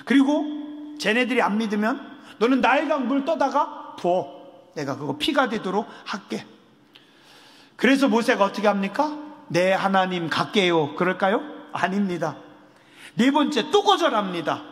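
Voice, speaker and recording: A man's voice: sits high, big pitch swings, moderate pace, fairly bright tone. A man preaching a sermon as a pastor, acting out Bible figures in casual speech and asking his congregation questions. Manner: asks the congregation rhetorical questions. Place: church sanctuary. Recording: long hall reverb.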